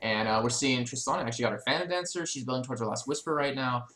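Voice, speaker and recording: A man doing color commentary on a video game match, excitable and quick to jump in, often apologizing for interrupting. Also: medium pitch, reverberant. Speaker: esports co-caster.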